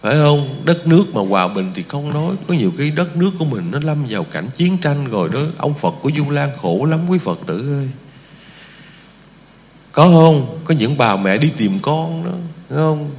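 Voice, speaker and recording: A man's voice: on the high side, sing-song, normal speed, darkish tone, a little hiss or hum. Emphatic male preacher in a reverberant hall. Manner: emphatic, with frequent rhetorical questions to the listeners. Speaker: Buddhist preacher. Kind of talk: sermon to a lay congregation.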